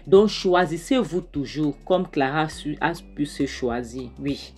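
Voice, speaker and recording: Brief: chatty woman recap host, fond with her audience, deep voice. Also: expressive, a little slow, a little mellow, husky, faint music behind. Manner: chatty, addresses viewers affectionately. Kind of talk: storytelling film recap.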